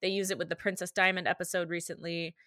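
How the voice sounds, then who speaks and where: Bright, dry-voiced woman co-host. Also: fairly low pitch, quick pace, no echo. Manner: animated, laughs easily. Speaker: podcast co-host. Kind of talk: casual chat recapping an anime.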